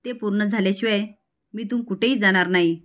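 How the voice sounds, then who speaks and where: A woman's voice: medium pitch, fairly quick, lightly acted. A woman voicing a stubborn, obsessive young woman who answers back defiantly in a storybook retelling. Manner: insistent, defiant.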